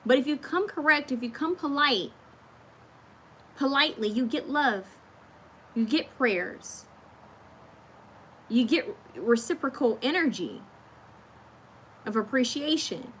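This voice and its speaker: A woman in her thirties hosts a casual livestream, talking straight to her viewers and answering their comments as they come in. Her voice is bright and fairly high, and she restarts her sentences as she goes. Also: lively intonation, slow pace, pauses often, a little hiss or hum. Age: 30s. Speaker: livestream host reading oracle cards.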